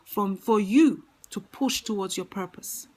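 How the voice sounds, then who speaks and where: A woman's voice: medium pitch, unhurried, a little mellow, poor audio. A woman giving an earnest motivational talk, speaking emphatically and repeating her key phrases.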